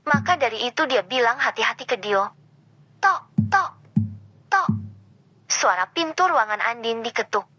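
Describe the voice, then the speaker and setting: A woman narrates a story in a steady, even reading voice that sits a little high. The recording is dull and lo-fi, and guitar music plays behind her. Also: a little fast. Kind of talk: scripted narration.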